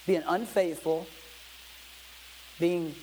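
A pastor preaching to a congregation in a slightly high voice. He reads scripture aloud and talks plainly with his listeners, stopping to ask them questions. A faint hiss sits under the recording. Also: steady tone, extremely slow, warm tone, rough recording. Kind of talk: sermon.

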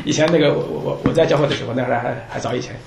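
Brief: fast, jokey Bible class leader, lively delivery, echoey room. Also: mid-range voice, gravelly, a little hiss or hum. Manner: chatty, joking, laughs often, many restarts. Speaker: Bible study teacher. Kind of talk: informal Bible class talk. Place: church meeting room with a group. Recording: roomy room echo.

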